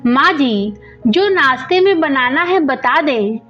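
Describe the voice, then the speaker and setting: A woman's voice: sits high, lively intonation, takes it slowly. Shy dutiful young bride, read by a woman. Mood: polite. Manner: polite, hesitant. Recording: dull lo-fi audio with faint music.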